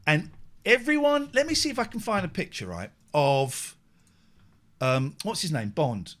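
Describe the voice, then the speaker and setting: A male host of a live late-night show, talking casually and animatedly. His voice sits somewhat high and moves a great deal between high and low. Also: unhurried. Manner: animated, chatty, self-mocking. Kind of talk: casual live-stream radio chat.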